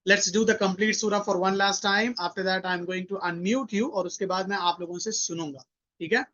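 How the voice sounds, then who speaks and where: A man's voice: high-pitched, fairly even intonation, takes it slowly, a bit bright. A man teaching children Quran recitation in an online lesson, patiently repeating each phrase for pupils to echo, mixing Hindi and English instructions. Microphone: video call. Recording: dull, lo-fi online call audio.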